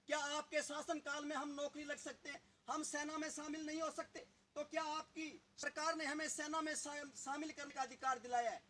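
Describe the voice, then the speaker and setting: A man's voice: very high voice, sharp tone, a little hiss or hum. A man giving a political speech to a village gathering, asking the audience rhetorical questions. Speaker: local party leader.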